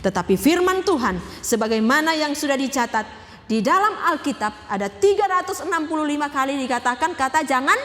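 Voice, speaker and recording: A woman's voice: high voice, sharp tone, long reverb tail. A woman pastor giving a sermon. She speaks emphatically, asks the congregation questions and repeats key phrases.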